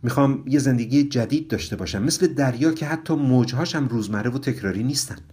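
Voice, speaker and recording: A man voicing a dreamy, touchy young bride who turns shrill and speaks in a drawn-out, polite way. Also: a little mellow, lightly acted.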